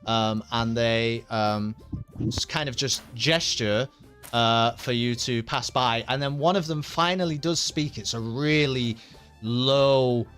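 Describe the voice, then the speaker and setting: A man's voice: mid-range voice, slow, a bit bright, soft background music. A man narrating as game master of a tabletop game, rambling loosely with many ums and laughs.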